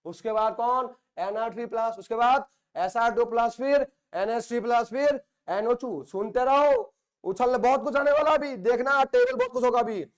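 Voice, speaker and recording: Man, from India, chemistry teacher, very high voice, playful, teasing, repeats phrases, classroom lecture. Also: moderate pace, clean tone.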